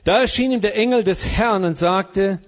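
Brief: male preacher, high voice, playful sermon delivery with English asides, slightly muffled recording. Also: normal speed. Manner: humorous, mixes German with English phrases.

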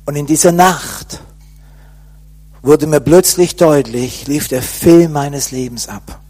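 A man giving an earnest personal conversion testimony, sinking to a soft, low voice at grave moments. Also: slow.

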